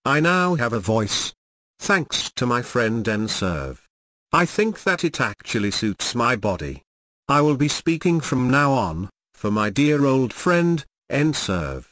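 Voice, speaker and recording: A synthetic male text-to-speech voice narrating a video channel, reading in an even, stiff way with odd pauses. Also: mid-range voice, dry recording. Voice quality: synthetic robotic voice.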